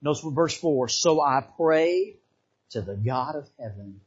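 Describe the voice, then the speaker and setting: Unhurried yet expressive, a man from the Bahamas delivers a fervent revival sermon in church, his high voice carrying a little huskiness. Amens ring out often amid his repetitions, and the audio is slightly dull.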